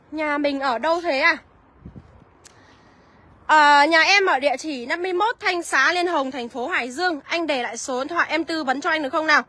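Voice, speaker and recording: A woman selling used cars on a live walkaround, listing prices briskly and calling out to viewers by name. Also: high voice, sharp tone, no echo. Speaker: used car seller.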